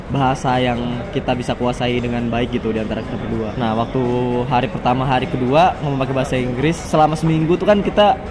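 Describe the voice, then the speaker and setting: A man's voice: medium pitch, steady tone, fast talker, hardly any pauses. A young man with an Indonesian accent chats casually as a vlogger, colloquial and agreeable, using plenty of slang particles. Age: young adult. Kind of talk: casual chat. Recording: busy outdoor crowd and traffic.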